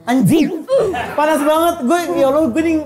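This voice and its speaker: A young woman, an actress telling animated stories in casual chat, laughing and swearing freely. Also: high voice, moderate pace, over music. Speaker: actress and social media personality.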